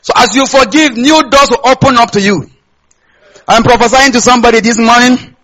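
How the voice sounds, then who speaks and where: A Hausa-accented preacher from Kaduna State in northern Nigeria gives a sermon to a congregation in a conversational way, repeating phrases and asking listeners to finish or confirm lines. His voice is very high, fairly quick and fairly bright, and the audio is poor.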